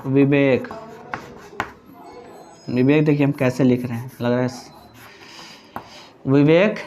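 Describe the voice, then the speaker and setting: A man's voice: medium pitch, steady tone, takes it slowly, dark tone, slight background noise. A male English teacher giving a classroom grammar lesson, mixing Hindi with English terms and answering his own questions to the class. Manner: explains by asking the class questions and answering them himself.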